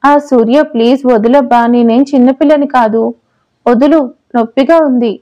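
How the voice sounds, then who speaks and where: A woman's voice: on the high side, fairly even intonation, moderate pace, mellow, muffled recording, close to an everyday voice. A woman voicing a playful, teasing young wife in an audio story. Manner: teasing, pouty. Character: playful pregnant young wife, mock-sulky.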